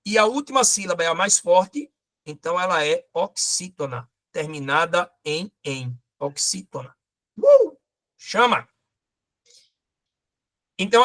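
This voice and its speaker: A man teaching a lively exam-prep grammar lesson, pointing things out as he goes. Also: high-pitched.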